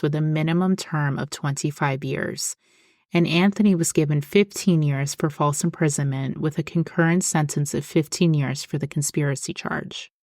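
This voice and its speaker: Low-voiced woman narrating true crime. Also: a little mellow, dry recording, studio quality. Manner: measured, explanatory reading. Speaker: podcast host.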